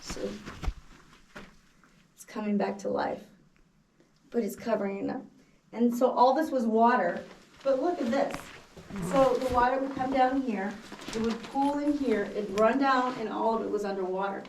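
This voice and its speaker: A woman's voice: on the high side, moderate pace, pauses often. A woman from Texas working as an echoing cave guide, giving a casual, enthusiastic tour with folksy, informal speech inside a cavern. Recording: echoing cave, distant mic, noisy.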